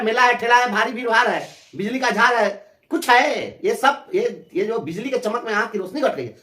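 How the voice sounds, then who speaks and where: A speaker from Bihar with a Bihari accent answers an interviewer at length. The voice is mid-pitched, fiery and mocking, and it piles up repeated phrases. The sound carries the ring of an echoey room. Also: a bit bright. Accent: Bihari Hindi. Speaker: teachers' representative.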